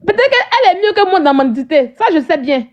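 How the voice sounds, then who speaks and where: Combative high-voiced woman ranting on a live stream. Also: sing-song, fast talker, highs cut off. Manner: combative, mocking, keeps asking "hein?". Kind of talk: heated live stream rant at viewers.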